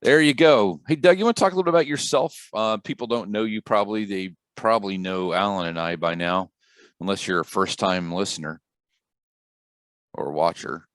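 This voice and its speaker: A man's voice: on the low side, brisk, no echo, studio quality. A middle-aged American man hosting a podcast in a casual, joking, informal way. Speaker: podcast host. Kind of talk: casual chat.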